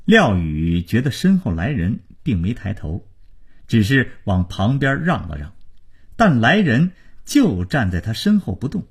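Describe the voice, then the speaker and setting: Raspy man reading a story aloud. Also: fairly low pitch, big pitch swings, a little slow. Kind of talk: audiobook narration.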